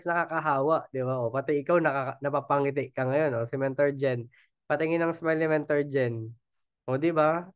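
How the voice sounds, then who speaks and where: A man's voice: on the high side, clear, resonant tone, dry recording, studio quality. A man with a Filipino accent running a casual sales training, chatty and coaxing, always checking in with his listeners. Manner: keeps asking the audience "di ba?", chatty and coaxing. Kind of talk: casual Taglish training talk.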